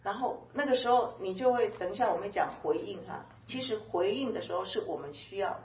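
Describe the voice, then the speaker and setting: A woman giving a conversational sermon-style Bible teaching, lively and chatty, laughing often and dotting her talk with soft filler particles. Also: mid-range voice, a little fast, reverberant, far from the mic, dull audio, a little hiss or hum.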